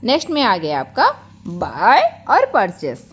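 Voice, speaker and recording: A young woman from India teaching English grammar online, explaining word pairs warmly to viewers she calls children. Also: medium pitch, huge pitch swings, measured pace, breathy edge, soft background music.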